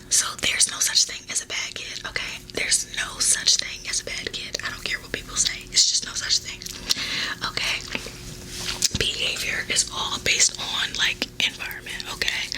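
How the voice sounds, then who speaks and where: A woman whispering a casual, confiding ASMR storytime in an informal, chatty way while chewing gum. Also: rough recording. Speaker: ASMR video creator.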